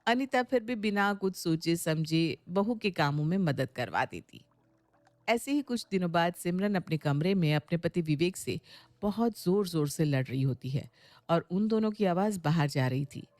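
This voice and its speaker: A woman narrating a moral storybook tale in a calm, even way. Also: lowish voice, normal speed, no echo.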